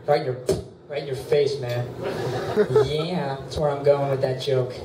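A man's voice: mid-range voice, steady tone, measured pace, noisy background. A young man performing a stand-up set in a bar, with a whiny voice and crude, self-mocking punchlines. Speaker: stand-up comedian. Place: bar stage. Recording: roomy bar from far off, clear ambience.

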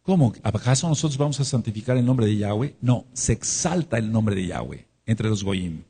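A Mexican pastor delivering a sermon in a dark, mellow voice with a husky edge. He is emphatic, often repeats a word several times, and sometimes acts out the questions of imagined listeners. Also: on the low side, expressive, moderate pace.

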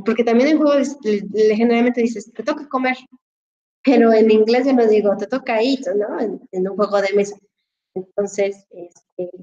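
A woman's voice: on the high side, darkish tone, muffled recording. A woman, an English teacher explaining a dictionary app to her students in an online class, patient and full of fillers, speaking into a headset. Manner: explanatory, addresses students formally, many fillers.

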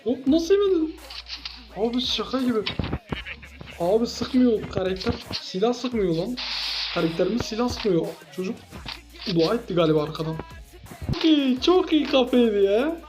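A man giving excitable gameplay commentary as a gaming YouTuber, teasing his opponent with playful trash talk. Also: very high voice, moderate pace, long pauses, music in the background, poor audio.

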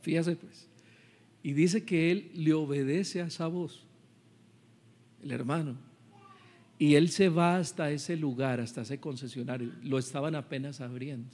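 A male pastor, preaching a sermon with animated storytelling. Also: fairly high pitch, unhurried, long pauses. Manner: animated storytelling, acting out voices.

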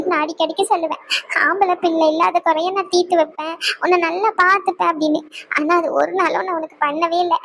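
A woman's voice: very high-pitched, fairly bright tone, slight background noise, low-quality recording. A woman voicing a young married cartoon daughter, sulky and then earnestly apologetic. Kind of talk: cartoon skit voice acting.

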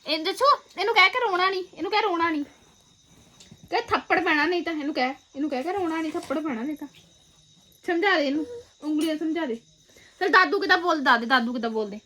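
A woman chatting casually in a home vlog, animated and repeating herself as she coaxes. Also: extremely high pitch, fast talker. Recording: very noisy home phone recording.

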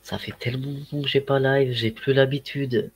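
Through a headset microphone, a Ch'ti-accented man (northern French) rambles through a casual livestream chat packed with slang and filler words. He speaks at a normal pace in a steady, medium-pitched voice with a breathy edge.

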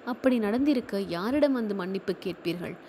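A woman's voice: mid-range voice, expressive, normal speed, warm tone, a little hiss or hum, natural voice. Brief: a woman doing a tearful, bitter young heroine in an audiobook, reproachful and raised in tone. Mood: anguished.

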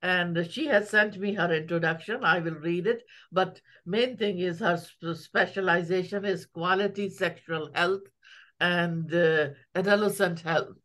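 Halting woman moderating a webinar. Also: on the low side, a bit bright. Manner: halting, many restarts. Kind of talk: moderating a video call.

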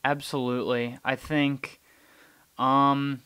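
A man's voice: medium pitch, level tone, slow, sharp tone, slight background noise. A young man hosting a podcast, chatting casually about hockey, often repeating words while he thinks. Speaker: podcast host. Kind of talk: casual sports chat.

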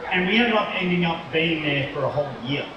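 A toy company co-founder tells stories in a chatty live presentation at a large indoor shopping mall expo. His slightly high voice is animated and a little fast. Picked up by a distant mic, the audio has cut-off highs, an echoey mall hall and crowd noise.

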